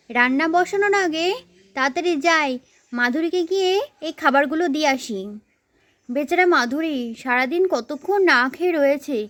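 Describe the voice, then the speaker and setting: A woman's voice: high-pitched, a bit bright, pitched below the performer's own voice. A woman voicing a busy young village mother who coaxes and calls out again and again. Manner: coaxing, chatty, calls out repeatedly.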